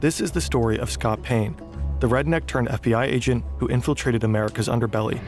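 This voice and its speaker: A man's voice: mid-range voice, over music. Man narrating a dramatic documentary. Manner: dramatic, measured delivery.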